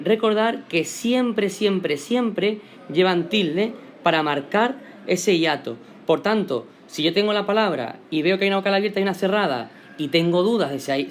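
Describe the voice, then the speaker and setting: A male teacher with a Spain Spanish accent, patiently explaining a grammar lesson and slowly stressing example words. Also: fairly high pitch, slight background noise.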